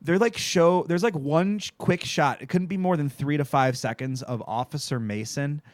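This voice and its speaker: A man hosts a laid-back podcast recap, rambling along with easy swearing and frequent laughter. His voice is smooth and resonant at a middle pitch, and it sounds dry and close, with no room echo. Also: normal speed. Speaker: podcast host recapping a TV show. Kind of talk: casual chat.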